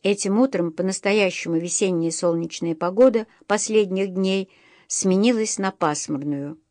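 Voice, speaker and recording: A woman narrating an audiobook in a steady, measured storytelling manner. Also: mid-range voice, no echo, clean studio sound. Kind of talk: scripted narration.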